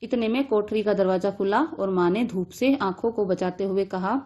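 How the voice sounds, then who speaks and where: A woman's voice: medium pitch, normal speed, a little mellow. A woman teacher reading a story aloud and restating each line in simple words for students.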